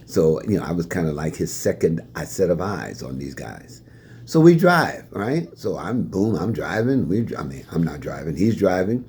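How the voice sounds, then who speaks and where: With a low voice and a moderate pace, this retiring staffer from Fort Wayne, Indiana, an older man, laughs his way through lively stories from his life while fielding questions. A little hiss or hum sits under the recording.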